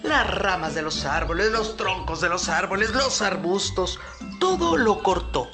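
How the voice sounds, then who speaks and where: A woman's voice: mid-range voice, animated, unhurried, a bit bright, faint music behind. A woman storyteller narrating a folk tale for children.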